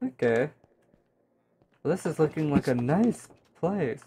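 A man's voice: a little high, expressive, slow, creaky, mellow, a little hiss or hum, full character voice. A man voicing an evil, otherworldly villain in an improvised game role-play, with a theatrical, unhinged drawl. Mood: sinister, grand. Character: evil otherworldly villain granting costly powers.

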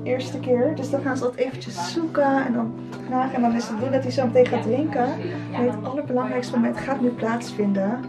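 A woman in her thirties, a mother who just gave birth, talking gently to her children in a casual family vlog in a hospital room. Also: high-pitched, steady tone, a little fast. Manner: soft, tender, speaks gently to children. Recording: music loud in the background.

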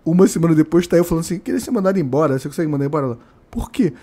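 Carioca rápido contando história. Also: male voice, a little high, rapid-fire. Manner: animated storyteller, acts out quotes. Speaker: podcast co-host. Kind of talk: casual storytelling chat. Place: home room.

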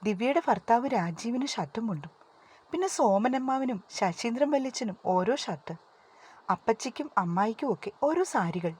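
A woman narrating a family story, gently voicing the relatives' lines now and then. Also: on the high side, expressive, moderate pace, husky. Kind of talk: scripted story narration with dialogue.

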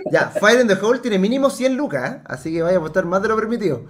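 A Chilean man streaming gameplay, swearing freely and breaking into excited yelling. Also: high voice, fast, a little hiss or hum. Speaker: gaming streamer.

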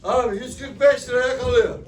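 A man's voice: extremely high pitch, moderate pace. A man working as an auctioneer, calling and repeating prices insistently to coax bidders. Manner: insistent, repetitive, coaxing the bidders. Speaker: auctioneer at a live poultry auction. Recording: echoey hall, distant mic, crowd and birds. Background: crowd chatter, roosters crowing.

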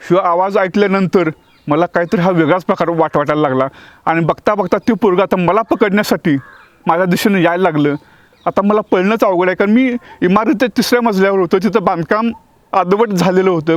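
A man's voice: high voice, no echo. A man who teaches acting tells a personal devotional experience as a story. He talks vividly, acts out the dialogue, and often restarts his words.

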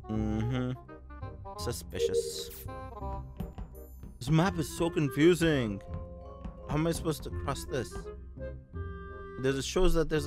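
A man talking casually over online game voice chat, muttering to himself as he plays. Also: mid-range voice. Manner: mutters to himself while playing. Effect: heard over online game voice chat. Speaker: gamer. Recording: background game music.

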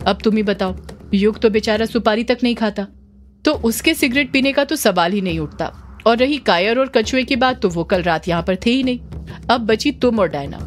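A woman's voice: a little high, moderate pace, soft background music, natural voice. A woman doing Abhimanyu, a teasing young man. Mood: probing. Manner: teasing, probing questions.

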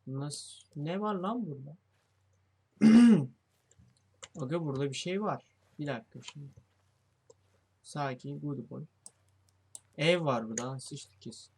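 A man's voice: on the high side, expressive, moderate pace, pauses often, darkish tone, husky. A young man giving let's play commentary on a horror game, jumpy and swearing as he thinks aloud to his viewers. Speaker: gamer playing a horror game.

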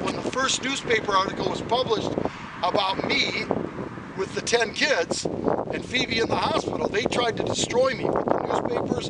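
High-voiced man talking to a toy outdoors. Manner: talks to a stuffed toy as if it answers, with repeated affirmations. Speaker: vlogger addressing a toy companion. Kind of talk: earnest outdoor monologue. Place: outdoors in a wooded park by a sign. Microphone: camera several feet away. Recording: distant camera mic with loud wind noise.

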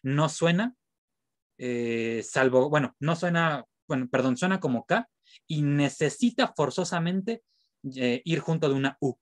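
A man teaching an online class as a French teacher, patiently spelling out sounds slowly and repeating them. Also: fairly high pitch, lively intonation, dry recording.

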